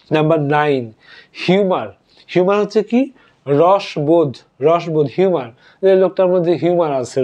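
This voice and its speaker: Man teaching English vocabulary slowly. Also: on the high side, warm tone. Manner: spells words letter by letter, repeats slowly. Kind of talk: spoken vocabulary lesson. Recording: dull lo-fi audio.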